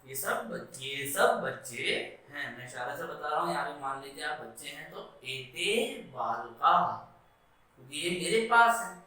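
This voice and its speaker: Male teacher, bright and forceful voice, slightly high, echoey classroom, heard from across the room, patient and drawn-out. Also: far from the mic. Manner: explains patiently, asks and answers his own questions, addresses children; drawn-out, stressed Sanskrit words. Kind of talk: classroom lesson at a blackboard.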